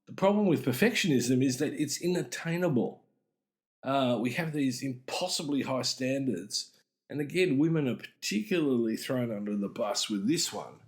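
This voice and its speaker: A middle-aged man with a mid-range voice, a podcast host and mental health speaker, gives an explanatory talk on psychology, speaking deliberately and with emphasis.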